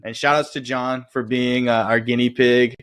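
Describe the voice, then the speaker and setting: An easygoing man with a mid-pitched voice, co-hosting a relaxed podcast. He chimes in often with quick agreement and speaks in a friendly, unhurried way. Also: clear, resonant tone. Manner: easygoing, agreeable, backchannels a lot. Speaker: podcast co-host. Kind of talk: casual podcast chat.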